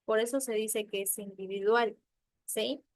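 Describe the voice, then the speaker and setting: A woman from Peru with a Peruvian accent teaching an online class, explaining step by step and often checking with quick tag questions. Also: on the high side, fairly even intonation. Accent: Peruvian Spanish.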